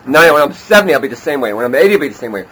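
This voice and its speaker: A man in his sixties, a guest in a casual interview, who talks in an excitable, enthusiastic way. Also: medium pitch, rapid-fire, slightly rough, poor audio. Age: 60s.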